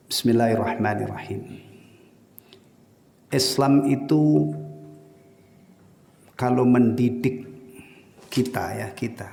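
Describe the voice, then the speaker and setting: Gravelly ustaz in an echoey prayer hall. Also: male voice, medium pitch, dark tone. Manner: conversational, asks the audience rhetorical questions. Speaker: ustaz teaching a Islamic study session. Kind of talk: informal sermon with Q&A. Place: prayer room after evening prayer. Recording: echoey hall with long reverb.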